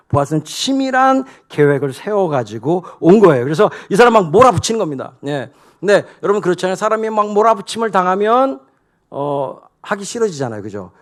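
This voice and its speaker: A male pastor preaching a sermon in an animated, conversational way, with frequent rhetorical questions to the congregation. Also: a little high.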